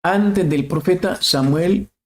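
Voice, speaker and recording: A man's voice: sits high, takes it slowly. A man preaching a sermon, asking questions and repeating phrases for emphasis.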